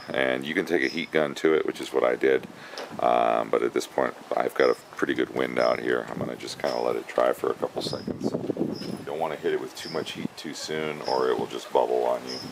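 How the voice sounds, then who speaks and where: A man teaching woodturning step by step, talking it through haltingly as he works at a lathe in a windy workshop. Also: rumbling low, little pitch movement, vocal fry. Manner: halting, thinking aloud while working. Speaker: woodturning instructor. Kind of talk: casual step-by-step demonstration. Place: workshop with lathe, wind outdoors.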